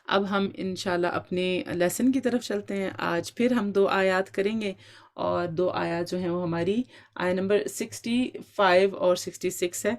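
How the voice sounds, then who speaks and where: A woman teaching an online Quran recitation lesson, quizzing her students and encouraging them, with English words mixed into her Urdu. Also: lowish voice. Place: online class.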